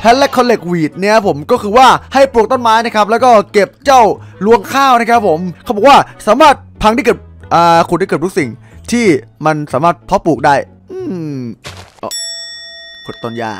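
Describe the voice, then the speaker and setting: Excitable young man, high lively voice. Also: moderate pace, faint music behind. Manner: excitable, loud outbursts and crude jokes. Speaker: gaming YouTuber. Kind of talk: casual game commentary.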